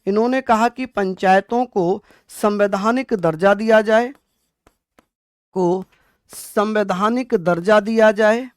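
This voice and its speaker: A man's voice: high voice, takes it slowly, smooth, dry recording, clean studio sound. A male teacher giving an online exam-prep lecture, repeating key points and asking questions he then answers himself. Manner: repetitive, addresses students as bhaiya.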